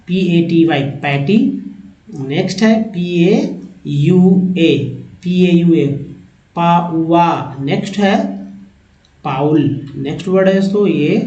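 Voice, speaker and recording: A man with a Hindi accent teaching English reading, spelling out letters and repeating each word slowly. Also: a little high, a little mellow. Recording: echoey lo-fi room recording.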